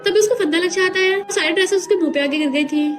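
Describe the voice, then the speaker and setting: A woman narrating a brisk, chatty recap of a drama story, hopping from scene to scene. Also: extremely high pitch, soft background music. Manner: brisk, chatty retelling that switches between scenes.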